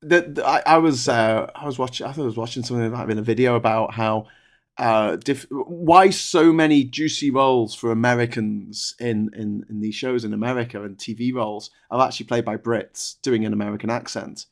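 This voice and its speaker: A man with a soft Scouse accent hosting a talk show, chatting casually in a blunt, colloquial and opinionated way. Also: mid-range voice, brisk. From Liverpool, England. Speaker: live-stream talk show host. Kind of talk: casual chat.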